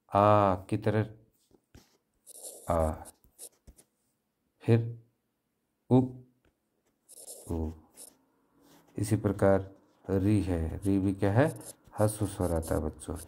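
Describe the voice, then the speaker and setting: A man's voice: fairly low pitch, a little mellow. A man teaching a grammar lesson to children, repeating each point and asking questions that he then answers himself. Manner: slow, repetitive, asks and answers own questions. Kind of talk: classroom lesson explaining grammar.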